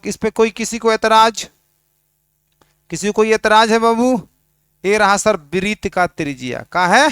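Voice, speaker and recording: Teasing maths teacher, high clear voice. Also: male voice, a bit bright, dry recording, studio quality. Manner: teasing, questions students constantly. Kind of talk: classroom lecture at a board.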